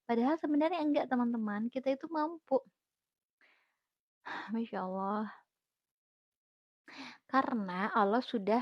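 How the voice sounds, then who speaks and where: A woman with a slightly high voice speaks gently and reflectively, encouraging her viewers in a faith-based talk and repeating her phrases for emphasis. The recording is dry and a little dull, as if from a basic lo-fi setup. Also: dry recording. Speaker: host of a live Q&A, a kidney failure patient.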